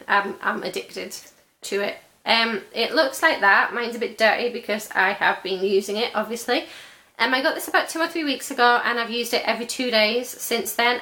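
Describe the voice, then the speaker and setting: A woman's voice: fairly high pitch, sharp tone. A young woman reviewing beauty products in a chatty, gushing vlog while losing her voice. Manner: chatty and gushing, many fillers. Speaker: beauty vlogger.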